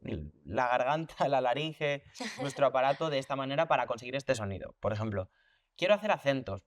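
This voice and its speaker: In a laid-back conversational interview, a man who works as a voice teacher and actor reflects aloud, restarting and repeating himself while using concrete, hands-on examples and comparisons. His voice sits in the mid range, and the recording is dry with little echo.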